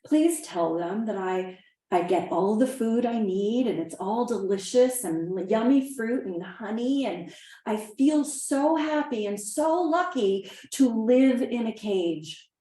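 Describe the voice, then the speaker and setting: A woman voicing a calm, wise caged parrot. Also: a little high, slow pace. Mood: content. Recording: roomy echo.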